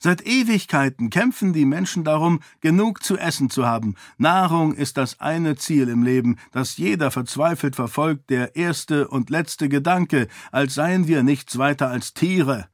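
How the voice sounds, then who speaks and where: A man voicing an earnest young prince who pleads and persuades, his voice rising in pitch. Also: expressive, measured pace, few pauses, no echo, clean studio sound. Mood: urgent persuasion.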